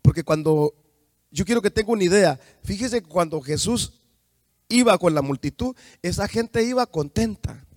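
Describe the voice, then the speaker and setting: Salvadoran man preaching, high voice, dry close sound, fervent, talks right to the congregation. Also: animated, moderate pace, no echo. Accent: Salvadoran Spanish. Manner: fervent, rising to shouts, addresses congregation directly. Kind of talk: sermon.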